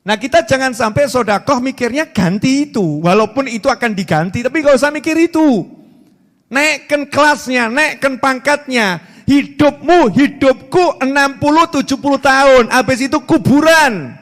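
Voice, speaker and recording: A man in his forties preaches in Javanese-tinged Indonesian, his voice sitting high for a man. He is animated and playful, hammering points home through repetition. Long reverb from the hall trails each phrase. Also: moderate pace. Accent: Javanese-inflected Indonesian. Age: 40s. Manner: animated, repetitive, jokey storytelling. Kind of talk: sermon.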